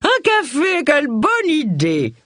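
Woman reader doing a high nasal old aunt, composed and sarcastic, in an audiobook. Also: wildly swooping pitch, slow, a bit bright, dry recording, clean studio sound, heavily acted.

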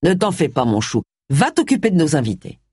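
A woman's voice: deep voice, very animated, brisk, a little mellow, slightly rough, dry recording, exaggerated voice. A woman reading a storybook who voices a smug, suggestive older male politician, close to her own voice.

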